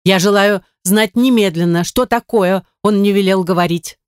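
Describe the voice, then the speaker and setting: A woman voicing an impatient, quarrelsome noblewoman who gives sharp, insistent commands. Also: medium pitch, moderate pace, clean tone, dry recording, studio quality, pitched above the performer's own voice, lightly acted. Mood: demanding.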